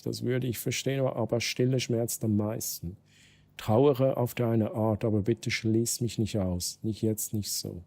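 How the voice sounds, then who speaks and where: A man's voice: medium pitch, gravelly, dark tone. A man with a Swiss German accent reading out the texts of a desperate, grieving mother. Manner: pleading, anxious, read-aloud text messages.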